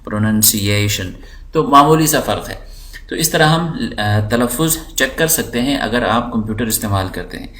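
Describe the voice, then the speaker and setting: A man teaching English, explaining slowly and patiently while walking through dictionary and translation tools on his screen, often repeating words for learners. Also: medium pitch, fairly bright tone. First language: Urdu. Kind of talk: screen-recorded lesson.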